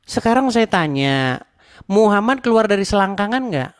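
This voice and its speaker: Mocking male debate host, lively voice. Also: sits high, moderate pace, smooth. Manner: mocking, taunting with laughs. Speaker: channel host. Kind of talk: heated live debate.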